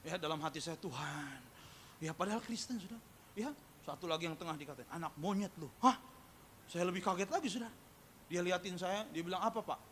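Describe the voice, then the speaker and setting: High, bright-voiced male pastor preaching. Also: lively intonation, fast talker, slight background noise. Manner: humorous storytelling, repeatedly addressing the congregation; calls for amen and audience responses. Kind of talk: sermon. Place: church service, also streamed live.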